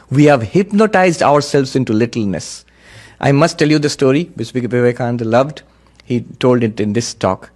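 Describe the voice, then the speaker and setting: A man, a monk, giving an earnest spiritual discourse, telling parables in an unhurried, emphatic way. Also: medium pitch.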